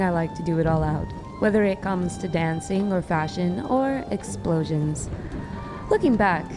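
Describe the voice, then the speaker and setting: A woman narrating a first-person story aloud with wry, dry humor. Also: lowish voice. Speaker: author and narrator.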